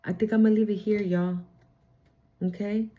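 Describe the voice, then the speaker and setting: A woman's voice: medium pitch, fairly even intonation, normal speed. A woman giving a casual tarot reading, chatty, blunt and sassy, with frequent swearing. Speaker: tarot reader. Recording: slightly muffled lo-fi recording.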